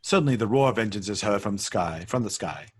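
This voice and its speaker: A brisk man with a husky, fairly low voice and lively intonation narrates a script read-through. He delivers the stage directions matter-of-factly, now and then tripping over a word.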